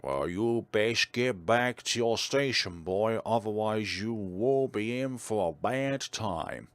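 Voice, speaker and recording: Guy putting on a slow bossy army officer, low voice, super dry sound. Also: fairly bright tone, no echo. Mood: stern. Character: stern male military officer.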